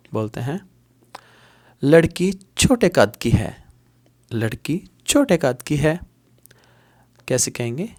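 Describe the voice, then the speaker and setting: A man's voice: a little high, a little mellow. A man teaching basic spoken Arabic in a casual lesson, repeating each word several times and mixing in English. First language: Urdu.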